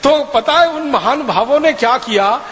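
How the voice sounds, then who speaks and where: A man lecturing an audience tells a story emphatically, repeating phrases for effect, in a very high, fairly bright voice with lively intonation at normal speed. The hall recording sounds dull and lo-fi, with faint noise.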